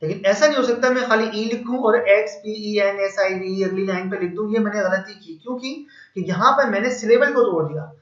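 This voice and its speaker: A man's voice: high voice, brisk, a bit bright. A man teaching English grammar in a patient, step-by-step way, working through examples. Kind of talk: explanatory lesson. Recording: echoey room, slightly dull sound.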